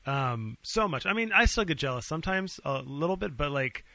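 A man's voice: fairly high pitch, lively intonation, a little fast, gravelly, pushed and bright, no echo. A man co-hosting a podcast, explaining his views earnestly in casual chat, swearing freely. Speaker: podcast co-host.

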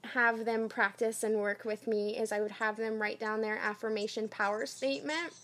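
A woman acting as a life coach, guiding a client through a coaching exercise with encouraging, gently directive prompts. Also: a little high, fairly even intonation, normal speed. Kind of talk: guided coaching session.

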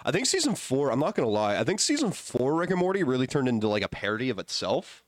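A man hosting a podcast with playful, casual hype, his voice wheezy and hoarse from being sick. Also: mid-range voice, very animated, fast talker, no echo, studio quality. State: sick, voice partly gone. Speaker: podcast host.

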